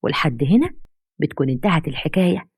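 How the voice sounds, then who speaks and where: A woman's voice: sits low, expressive, fast talker, breathy edge, no echo, studio quality. A woman with an Egyptian accent narrating a dramatic story expressively. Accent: Egyptian Arabic.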